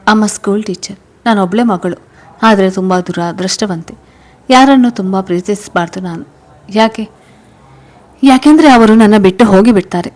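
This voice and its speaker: A sorrowful young wife in a spoken storybook, voiced by a woman narrator, talking softly about her losses. Her tone is gentle and wistful, close to the narrator's own voice. The pitch stays in an average range. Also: moderate pace, close to an everyday voice.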